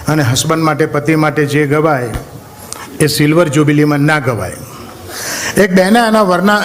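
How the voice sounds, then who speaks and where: A man with a Gujarati accent doing stand-up comedy on stage, telling stories in a lively way and breaking into drawn-out snatches of film songs. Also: a little high.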